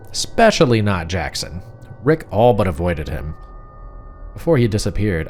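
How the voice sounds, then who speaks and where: A man with a low, slightly mellow voice tells a horror story as a frightened, suspicious wife speaking in the first person. He sounds confiding and uneasy, pausing deliberately, over background music.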